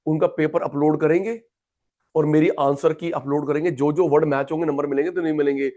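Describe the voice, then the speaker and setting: A man's voice: a little high, fairly even intonation, brisk, dark tone. A man teaching an economics class, chatty and repetitive, calling students by name. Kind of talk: classroom lecture.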